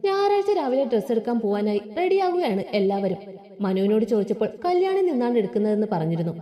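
A woman storyteller narrating a scripted family story in a calm, steady, expressive reading. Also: on the high side, quick pace.

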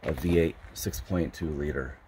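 A man showing off his truck camper, explaining things step by step in a halting, casual way. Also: extremely low pitch, dark tone, slight background noise. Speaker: truck camper owner giving a tour. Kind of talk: casual show-and-tell.

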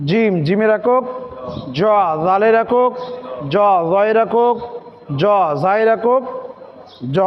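A man's voice: high voice, highs cut off, slight background noise. A man teaching a Quran reading lesson step by step, repeating each sound many times for practice and asking rhetorical questions.

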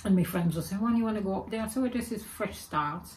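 A fast-talking woman in her forties with a medium-pitched, darkish voice chats to camera in a rambling way, often correcting herself. She is from England with a Birmingham accent tinged by Jamaican and Egyptian traces, filming indoors at her desk via webcam or phone camera in a room with spooky shelves, with slight background noise.

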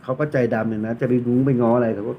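A man's voice: medium pitch, steady tone, quick pace, slight background noise. Blunt joking man, tinny phone-like sound. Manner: blunt, joking, swears freely. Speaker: tarot reader. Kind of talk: casual explanatory talk.

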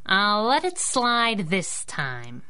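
Kit Baxter, bright, sassy girl sidekick. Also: mid-range voice, huge pitch swings, drawn-out words, clean tone, exaggerated voice. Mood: wry, playful. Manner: teasing, sassy banter. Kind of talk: 1930s-style radio adventure acting.

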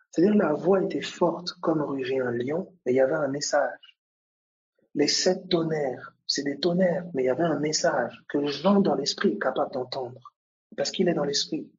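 A man's voice: a little high, breathy edge, muffled recording. A man preaching a sermon, repeating key phrases and growing more emphatic as he goes.

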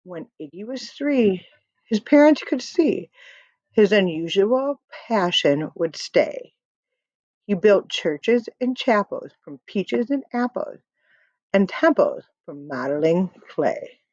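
A middle-aged woman reads a children's picture book aloud in a rhythmic, emphatic storytelling style. Her mid-range voice is a little mellow, swings widely in pitch and moves slowly. The dry recording has the dull sound of lo-fi webcam audio.

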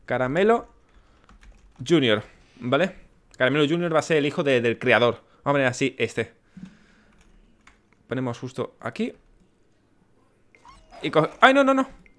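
A man's voice: mid-range voice, measured pace, pauses often, a bit bright. A man with a Spanish accent giving casual gameplay commentary, chatty and muttering to himself and to the game characters. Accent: Spain. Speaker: let's play host.

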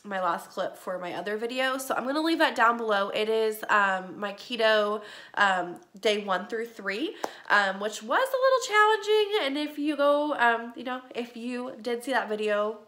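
A woman's voice: on the high side, animated, moderate pace, pushed and bright. A young woman with a stuffy nose from a cold, chatting casually in a rambling diet vlog full of ums, recorded on a handheld phone in her home kitchen. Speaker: vlogger.

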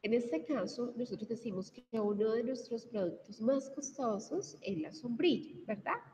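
A woman's voice: fairly high pitch, lively intonation, normal speed, mellow. Bilingual woman teacher, distant and reverberant. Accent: Colombian Spanish. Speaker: English teacher. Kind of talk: bilingual video class lecture. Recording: distant mic in a reverberant room, dull sound, faint noise.

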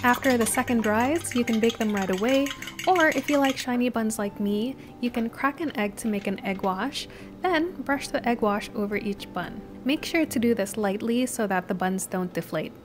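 A woman host calmly narrating a baking recipe step by step as a voice-over. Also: fairly high pitch, normal speed. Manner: steady step-by-step instructional delivery. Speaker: cooking channel host. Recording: voice-over with music behind.

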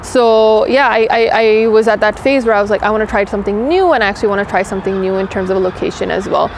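Seated outdoors in a green urban courtyard with a lapel mic clipped on, this interview guest talks in a mid-range voice, fast and chatty, full of "like" and "you know" fillers. She's a young engineering director from Pakistan who grew up in Toronto, and faint traffic can be heard behind her.

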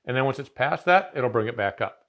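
A middle-aged man who deals in CNC machines gives a casual, rambling explanation in a large home garage workshop, full of fillers and restarts. His medium-pitched voice is animated, brisk, and a bit bright.

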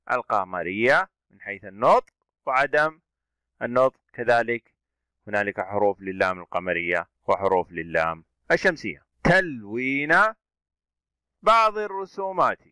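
A man teaching an Arabic reading lesson, sounding out letters and vowels slowly, asking questions and praising his pupils. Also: medium pitch, pushed and bright, smooth, no room sound. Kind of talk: classroom reading drill.

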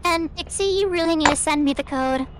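A man talking on game voice chat through a voice changer that turns him into a high-pitched woman, joking around. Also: a little fast, background noise. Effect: voice changer making him sound like a high-pitched woman. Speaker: gamer on voice chat. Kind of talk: casual gaming chat.

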